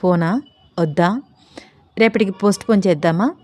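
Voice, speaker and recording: Woman doing young man, teasing husband, coaxing, soft, storybook, dry. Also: medium pitch, normal speed, dry recording, close to an everyday voice.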